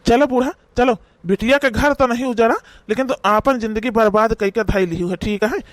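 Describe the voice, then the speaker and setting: A man's voice: very high-pitched, normal speed, no echo. A man with an Awadhi accent, voicing an older village husband who scolds his wife sternly in a cartoon. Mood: reproachful. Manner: stern, reproachful rural scolding. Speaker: cartoon voice actor.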